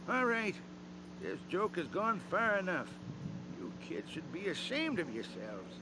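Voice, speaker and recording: An actor playing a grumpy, superstitious old gravedigger in a cartoon adventure game, scolding and distrustful. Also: male voice, high-pitched, huge pitch swings, unhurried, background noise, heavily acted. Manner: crotchety, scolding, disbelieving.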